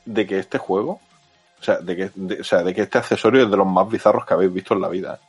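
A man hosting a casual chat in an excitable, slangy, repetitive way. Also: low-pitched, quick pace, husky, soft background music. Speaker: podcast host.

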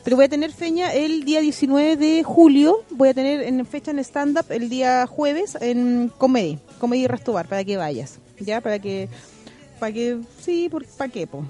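A woman with a Chilean accent, a comedian hosting a casual chat show, telling stories fast and full of slang. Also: sits high, soft background music. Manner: fast, slangy, animated storytelling.

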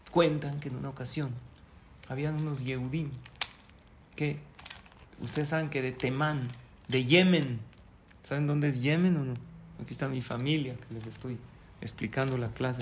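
Man, religious teacher, lively storyteller, slightly high voice. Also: a little hiss or hum. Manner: animated storyteller, acts out voices. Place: at home with family.

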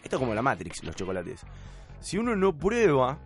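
A man's voice: mid-range voice, brisk, soft background music. A young man with an Argentine Rioplatense accent, a podcast host animatedly telling a funny story in casual chat, acting out what people said. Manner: animated storyteller, acts out quotes, laughs often.

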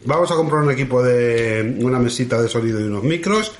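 A man's voice: mid-range voice, lively intonation, a little fast. A man from hosting a podcast, chatting in a campy, playful way. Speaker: podcast host. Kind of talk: casual chat. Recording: roomy echo.

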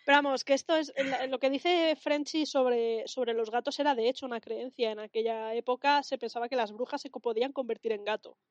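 A woman's voice: high-pitched, steady tone, fairly quick, hardly any pauses, no echo, muffled recording. A woman in casual chat who adds background facts and reacts to the story.

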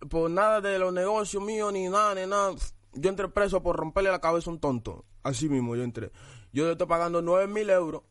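A man's voice: high voice, brisk, a bit bright, no room sound, clean studio sound. A young man, a rapper guest in a casual interview, talking bluntly and toughly with repeated tag questions.

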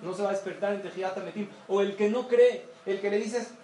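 Male preacher, high voice, echoey room with faint room noise. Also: a little fast, mellow. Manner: storytelling, asks and answers questions. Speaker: rabbi giving a talk. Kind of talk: sermon.

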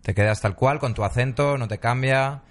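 A man's voice: mid-range voice, normal speed. A man hosting a casual interview, politely interrupting to ask curious questions. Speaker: host.

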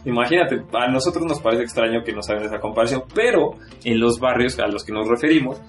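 A man's voice: medium pitch, fast. Rambling Mexico City man, casual podcast chat. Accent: Mexico City Spanish. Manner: relaxed, rambling, laughs often.

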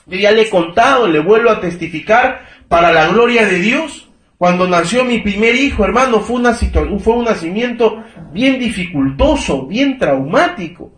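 A man in his thirties delivers an emphatic sermon in a fairly high voice. He keeps calling his listeners brother and checking that they follow him. The sound is roomy and echoing, as in a church. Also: expressive, normal speed, fairly bright tone. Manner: emphatic preaching. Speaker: preacher. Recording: echoey room.

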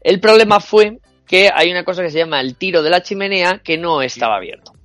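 A young man spins a comic party anecdote, animated and freely swearing as he acts out other people's voices. His voice sits a little high for a man. It is recorded dry and close, with light music behind him. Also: fairly quick, dry recording. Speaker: storyteller on a New Year's Eve show. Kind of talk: comic anecdote told to friends.

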